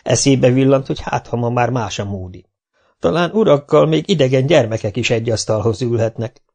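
Guy reading a kids book aloud, calm and even, normal pitch, amateur audiobook. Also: creaky. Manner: calm, even narration with lively character voices. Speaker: audiobook reader. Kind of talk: storybook narration.

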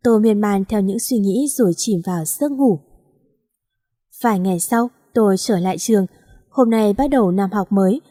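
A woman narrates a first-person story for an audiobook in an even, steady storytelling voice. Her tone is mellow and soft. The recording is dry and close, made in a studio. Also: medium pitch, moderate pace, dry recording.

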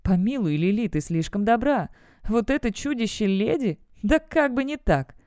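A woman's voice: a little high, lively intonation, moderate pace, mellow, clean tone, no echo, clean studio sound, pitched above the performer's own voice, close to an everyday voice. A woman reading the lines of a hot-tempered young male guard who talks bluntly and scornfully. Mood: scornful, heated. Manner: blunt, sneering remarks.

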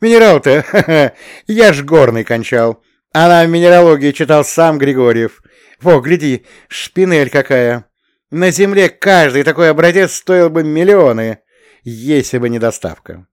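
A man voicing an eager, boastful young male planetologist in an audiobook, higher and louder than his own reading voice. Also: clean tone, dry recording, studio quality, natural voice. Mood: gleeful. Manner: eager, rapid-fire, boastful.

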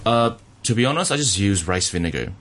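A man from Taiwan, a chef, answering radio interview questions in a relaxed, hesitant way with many fillers. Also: on the low side, a little fast.

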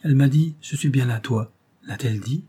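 A man's voice: medium pitch, a little fast, warm tone, slightly rough. A man voicing a young Afghan lover in a despairing, feverish inner monologue from a storybook. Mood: anguished. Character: young Afghan lover, anguished and self-abasing.

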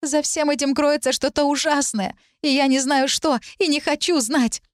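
A woman reading aloud puts on a frantic young woman whose voice jumps far above the reader's own and climbs even higher as she pleads in breathless bursts. The take is dry and close, with no room sound. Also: moderate pace, dry recording, lightly acted. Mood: desperate. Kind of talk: audiobook character voice.

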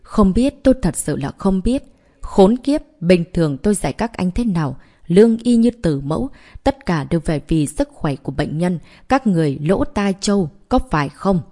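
A woman voicing a pompous male hospital director who scolds loudly and defends himself. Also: fairly low pitch, expressive, moderate pace. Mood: blustering. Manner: loud, blustering scolding.

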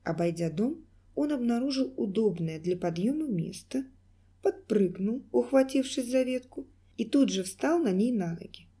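Mellow-voiced woman narrating an audiobook. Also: fairly high pitch, breathy edge. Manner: measured, expressive reading. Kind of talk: scripted narration.

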